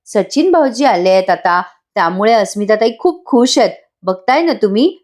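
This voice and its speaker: A woman voicing a calm young wife from a TV serial, speaking in a soothing, practical way. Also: mid-range voice, moderate pace, lightly acted. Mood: reassuring.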